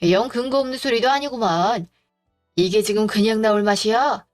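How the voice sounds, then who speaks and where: A woman voicing a stern, grumpy older father-in-law who scolds gruffly. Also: on the high side, normal speed, soft background music, natural voice. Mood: scolding.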